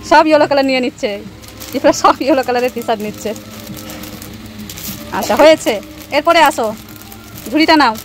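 A woman's voice: high-pitched, brisk, long pauses, soft background music, rough recording. A young woman filming her children, playfully teasing them and narrating to viewers. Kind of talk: casual family vlog narration.

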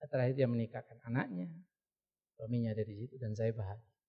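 A man's voice: medium pitch, quick pace, breathy edge, lo-fi sound. A male pastor giving a sermon in a blunt, joking, direct way.

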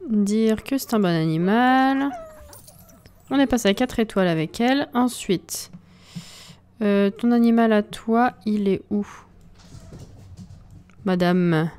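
A woman's voice: mid-range voice, takes it slowly, long pauses, a little mellow, clear, resonant tone. A woman hosting a let's play from home into a desk mic, giving casual, exasperated commentary and talking to the game characters.

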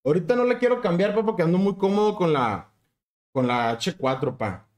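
A man's voice: sits high, animated, a little fast, darkish tone. A young man with a Mexican accent, streaming a game and chatting with viewers in a hyped, slangy way. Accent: Mexican Spanish. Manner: hyped, slangy, keeps urging chat. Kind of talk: casual livestream chat with viewers.

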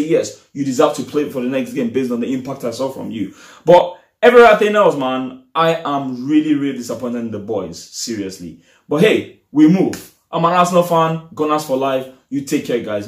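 A man's voice: a little high, roomy sound. A young man giving a casual, frustrated post-match reaction as a football fan vlogger, talking animatedly in a small room straight to the camera. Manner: animated, frustrated, gestures a lot while talking.

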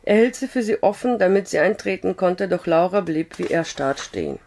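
Hoarse woman reading a novel aloud. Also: fairly low pitch, moderate pace. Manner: calm, steady storytelling with occasional slips. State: hoarse with a cough. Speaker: audiobook reader.

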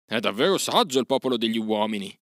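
A proud, fierce jungle-raised young man, as a male narrator plays him, firm and commanding with a low bright voice. Scornful and sure of himself in a storybook reading. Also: normal speed, no echo, clean studio sound.

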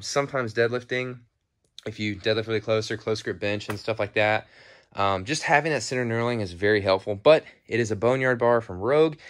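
In a clean, studio-sounding recording without room sound, a young American man with a fairly low, fairly bright voice gives a tour of his home gym. The fitness vlogger rambles in an easygoing, slangy, spontaneous way inside a metal-walled garage-shop gym. He holds his phone behind the camera view as the mic.

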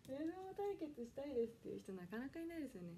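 A woman's voice: sits high, mellow, a little hiss or hum. A woman of twenty from Kanagawa chatting politely on a solo livestream from home, reading viewer comments aloud and apologizing often. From Kanagawa, Japan. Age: 20s. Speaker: idol audition livestreamer. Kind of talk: casual solo livestream chat. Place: her home, indoors.

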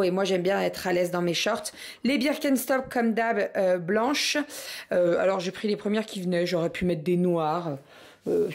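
Chatty young woman with vocal fry. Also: on the high side. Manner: chatty, full of hesitations and fillers. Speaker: vlogger. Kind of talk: casual chat to camera.

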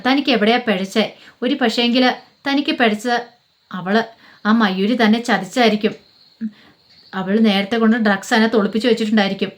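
A woman telling a story in a casual, run-on way, reading the characters' quoted lines flatly as reported speech. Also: mid-range voice. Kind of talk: rapid casual retelling of a serial's plot.

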